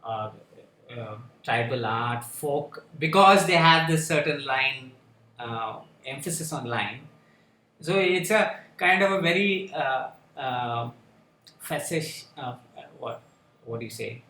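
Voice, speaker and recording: A man speaking on a panel discussion, halting and full of fillers and restarts. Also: medium pitch, lively intonation, pushed and bright, slight background noise. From India. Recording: echoey room with faint ambience.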